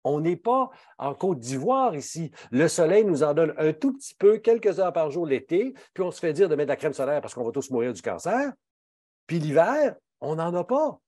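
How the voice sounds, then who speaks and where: Very animated and speaking at normal speed, a Quebec pharmacist gives a health talk in a mellow voice. The studio-quality recording has no echo. He sounds indignant and emphatic, his pitch leaping around for emphasis.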